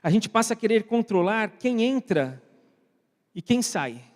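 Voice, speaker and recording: This pastor, whose accent is Brazilian Portuguese, preaches conversationally, frequently quizzing the congregation and addressing those at home online. His high-pitched voice is sing-song, unhurried and a little mellow, echoing with long church reverb in the hall.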